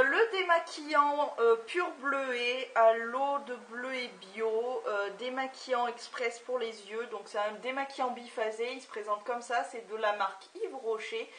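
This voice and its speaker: A young woman with a fairly high voice chats through a casual beauty product review, pausing often on filler sounds. She sits away from the camera mic in an echoey room at home, with a faint hum of room ambience behind her. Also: a bit bright, far from the mic. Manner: hesitant, many filler sounds. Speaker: beauty vlogger.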